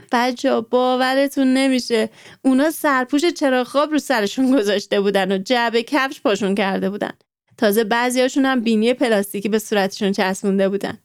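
A woman's voice: on the high side, smooth, dry recording, clean studio sound. A woman narrating a children's story, turning to the young listeners with friendly questions. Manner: warm, addresses children directly with questions.

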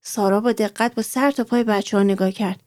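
A woman's voice: mid-range voice, steady tone, dry recording, clean studio sound. Woman telling a story to children. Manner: warm, addresses children directly with questions.

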